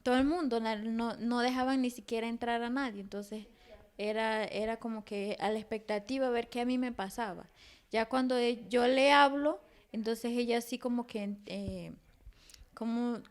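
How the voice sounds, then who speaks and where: A woman's voice: a little high, fairly even intonation, normal speed. A woman in her thirties recounting a personal story in a conversational interview, rambling with many restarts. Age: 30s. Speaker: interview guest.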